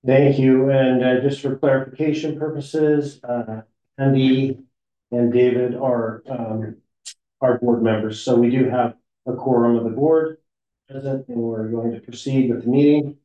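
A man with a very dark, mellow tone runs a board meeting step by step, pausing on uh and um. His voice comes over a remote call line, muffled and roomy. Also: mid-range voice, steady tone. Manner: measured, with frequent uh and um fillers. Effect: heard over a remote call line that breaks up. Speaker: district counsel chairing a board meeting. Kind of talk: formal procedural meeting chairing. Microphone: remote call audio. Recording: muffled echoey call audio.

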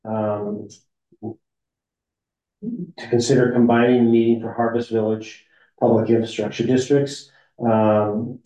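A man serving as district counsel, chairing a formal board meeting in a measured way with frequent fillers, his voice heard over a remote call line that breaks up. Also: mid-range voice, mellow. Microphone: remote call audio. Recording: muffled echoey call audio.

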